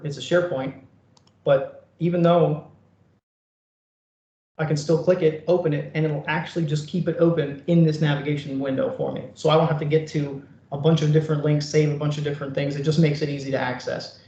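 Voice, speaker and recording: Guy doing a casual software demo, higher voice, echoey room sound. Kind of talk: informal screen-share demonstration for a work group. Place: online meeting recording from an echoey room. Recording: echoey room, dull online meeting audio.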